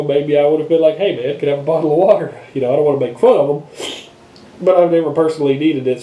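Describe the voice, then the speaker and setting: A man's voice: fairly high pitch, warm tone, echoey room, poor audio. A man with a congested, nasal voice, as if his nose were broken, sick and unable to breathe through it, rambling casually in an offhand vlog. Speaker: vlogger. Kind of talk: casual unscripted vlog talk. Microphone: action camera microphone.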